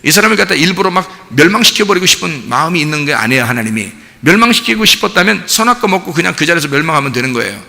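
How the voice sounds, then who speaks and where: A male pastor preaches in a church sanctuary, his voice gravelly and sharply forceful, a little higher than most men. The sound rings with the long reverb of a large hall. He talks to the congregation in an animated, conversational way and acts out short scenes. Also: racing, hardly any pauses. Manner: animated preaching, acting out a parent and child with laughs. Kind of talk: sermon.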